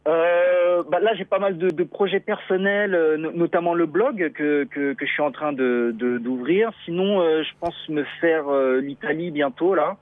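A man's voice: on the high side, no echo. Guest traveler, male, reflective and hesitant, dry close phone-line sound. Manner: halting, thoughtful, many restarts. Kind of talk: radio interview.

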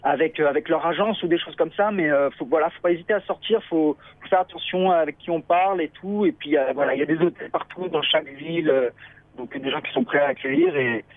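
A man's voice: fairly high pitch, dry recording. Man on a thin phone-like line. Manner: halting, thoughtful, many restarts. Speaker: guest traveler. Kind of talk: radio interview. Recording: thin phone-like dry sound.

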